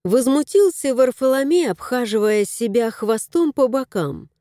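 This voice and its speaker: A woman narrating an audiobook in an expressive storytelling voice on a close mic. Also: fairly high pitch, unhurried, no room sound.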